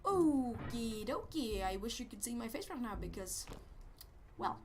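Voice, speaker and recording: His voice is very high, with big pitch swings and a slightly slow pace, a full character voice with a little hiss or hum. He's a Swedish-accented let's play host whose goofy persona rambles and stammers hesitantly through game commentary, yelping when startled, while game music plays loudly behind him.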